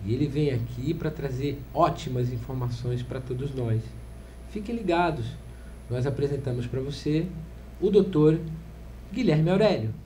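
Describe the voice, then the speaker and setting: Mellow Brazilian podcast host. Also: male voice, medium pitch, normal speed, slight background noise. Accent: Brazilian Portuguese. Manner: warm, formal introductions, prompting questions. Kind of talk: podcast interview. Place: podcast studio.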